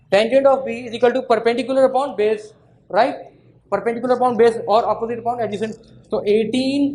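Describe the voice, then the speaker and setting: A man giving a classroom maths lecture, often asking the students questions and slowing down to spell out formulas. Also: extremely high pitch, slight background noise, rough recording. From Pakistan. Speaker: maths teacher.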